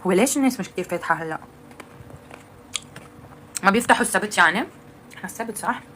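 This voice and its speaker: A woman's voice: medium pitch, lively intonation, racing, sharp tone, a little hiss or hum. A young woman chatting casually on a live stream, answering viewers while eating and slipping into English.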